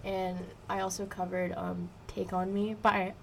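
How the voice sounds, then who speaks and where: A woman's voice: on the low side, flat delivery, a little slow, gravelly, slight background noise. A young adult woman musician chatting as a studio guest, giggly and rambling with many fillers. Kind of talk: casual interview chat. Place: college radio studio. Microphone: studio microphone.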